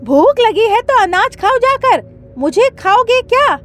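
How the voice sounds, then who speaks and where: A woman voicing a greedy, scheming male crow in a cartoon, with a shrill, boastful manner. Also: expressive, a little slow, soft background music. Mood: indignant.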